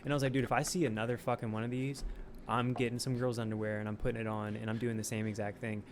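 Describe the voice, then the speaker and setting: Male guest, late 20s, rapid and lively podcast chatter, light background noise. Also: medium pitch. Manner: animated, swearing, laughing often. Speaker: podcast guest, sketch comedian. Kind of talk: casual podcast chat.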